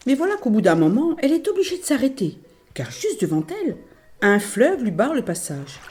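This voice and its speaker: A woman storyteller telling a children's tale in an animated, playful way. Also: fairly high pitch, brisk, soft background music.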